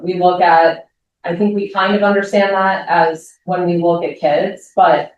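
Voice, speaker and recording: Woman, parent co-presenter, low voice, candid and self-mocking, distant mic, heavy room echo. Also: a little hiss or hum. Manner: candid and self-deprecating, with many likes. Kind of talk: parent talk. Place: school meeting room. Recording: echoey room, voice from far off.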